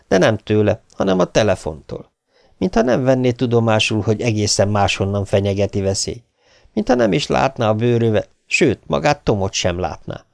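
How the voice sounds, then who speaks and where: A man's voice: on the low side, creaky, darkish tone, no room sound, studio quality. A man narrating an audiobook in a dramatic way, voicing the characters. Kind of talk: scripted narration.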